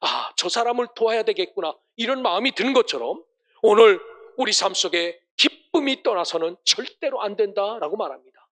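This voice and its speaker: High bright-voiced male pastor preaching. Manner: emphatic preaching with rhetorical questions and blessings. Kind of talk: sermon.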